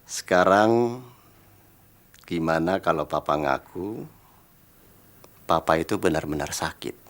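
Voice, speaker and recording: A gentle ailing father. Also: low-pitched, expressive, takes it slowly, full character voice. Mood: tender. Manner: soft, teasing, tender. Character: gentle ailing father, middle-aged man.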